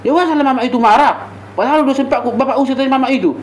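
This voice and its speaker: An actor playing a hot-tempered father with a Batak accent, who scolds loudly and later turns meek and apologetic. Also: very high voice, racing, poor audio. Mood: coaxing. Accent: Batak Indonesian. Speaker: father of the household. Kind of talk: amateur family drama acting.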